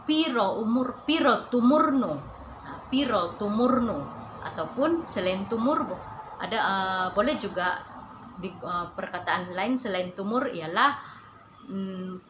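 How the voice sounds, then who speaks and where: A woman teaches vocabulary at an unhurried pace, saying each term twice. Her voice is bright and clear. She is recorded in an echoey room with a faint hum of ambience behind her. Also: mid-range voice. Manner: repeats each word slowly, with a rising stress on the local terms. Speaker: language teacher. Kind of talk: slow spoken lesson.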